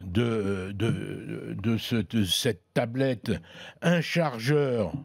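Speaking extremely slowly with vocal fry in a lowish voice, a man reviews products in a relaxed chat as a tech columnist, hesitating often as he explains them. The sound is clean studio audio without echo.

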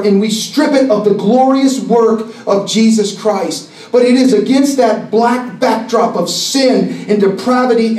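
A man's voice: sits high, a little mellow. Intense preacher guy, fiery sermon, roomy conference hall, mic a bit far. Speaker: pastor. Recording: echoey hall, mic at a distance.

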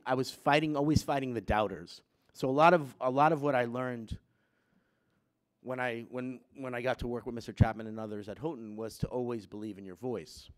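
With a mid-range voice, a Puerto Rican man in his fifties addresses students in a personal chapel talk, casual and peppered with fillers before turning emphatic. He speaks into a gooseneck lectern mic in a wood-panelled school chapel, students sitting behind him.

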